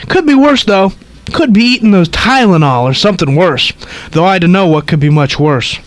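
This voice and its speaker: A woman's voice: lowish voice, expressive, normal speed, close to an everyday voice. A man voicing a nosy, rambling old woman who chatters and cackles, tacking "though" onto her sentences. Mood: gossipy.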